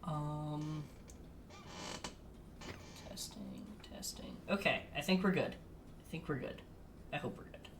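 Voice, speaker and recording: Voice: medium pitch, moderate pace, a little hiss or hum. A podcast co-host chatting casually on a live stream, flustered and self-deprecating, laughing through technical trouble. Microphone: streaming setup with desk mic.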